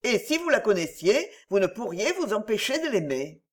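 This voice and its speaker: Lady reading as an gushing hostess lady, exclaiming, lively voice. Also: mid-range voice, normal speed, lightly acted. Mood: effusive. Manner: exclaiming, effusive. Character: warm, effusive older lady hostess. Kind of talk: audiobook reading.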